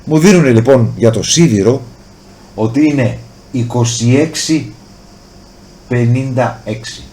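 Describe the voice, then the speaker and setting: A man with a Greek accent teaching a chemistry lesson, asking questions and then answering them himself, and drawing out key words slowly to stress them. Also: mid-range voice, dark tone. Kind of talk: explanatory lesson, addressing the student directly.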